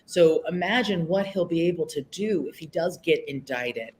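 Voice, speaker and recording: A woman's voice: on the low side, lively intonation, normal speed, a little mellow, a little hiss or hum. A woman panelist giving casual political commentary in a conversational way, often checking in with her listeners.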